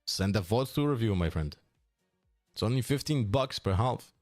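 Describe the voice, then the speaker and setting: A man casually chatting on a live stream, reading and answering chat in a relaxed, mumbling way that trails off. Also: lowish voice, normal speed, faint music behind.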